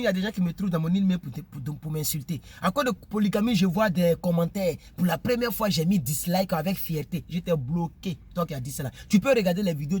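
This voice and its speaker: A man casually vlogging to his subscribers, animated and preachy, often repeating words while he searches for them. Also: sits high, husky. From Ivory Coast. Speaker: YouTuber.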